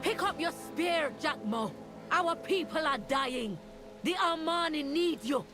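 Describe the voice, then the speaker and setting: A woman's voice: sits high, animated, takes it slowly, over music. A woman playing an urgent troll warrior in a fantasy game, commanding and impassioned as she rallies her people. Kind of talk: scripted fantasy game acting.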